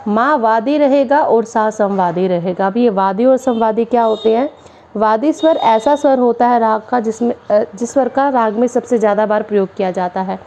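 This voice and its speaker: Woman from Haryana, music teacher, classroom theory lesson, patient step-by-step explaining, fairly high pitch, warm mellow tone. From Haryana, India. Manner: explains step by step, restating terms with simple definitions.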